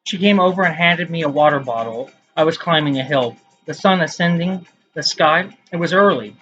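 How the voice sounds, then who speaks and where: A man's voice: on the high side, normal speed, sharp tone, dull audio, soft background music. A man reading his own poems aloud in a casual vlog, with rambling, self-mocking asides between them.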